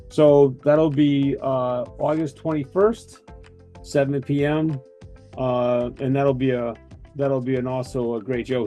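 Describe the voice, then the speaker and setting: A man's voice: mid-range voice, warm tone. A man hosting an online webinar, speaking loosely with many fillers and restarts. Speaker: host.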